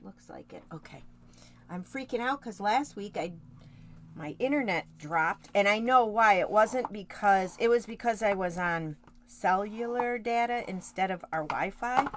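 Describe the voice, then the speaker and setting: Speaking unhurriedly in a mid-range voice with lively intonation, a woman demonstrates card making while chatting casually with her live audience. She rambles off on tangents and corrects herself, over a little hiss or hum.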